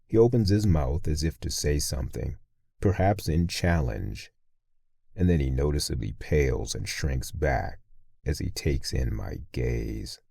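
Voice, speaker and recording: A man with an extremely deep, gravelly voice tells a first-person horror story slowly and with brooding menace. His tone is dark and husky, recorded dry and close. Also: expressive, dry recording. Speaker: narrator.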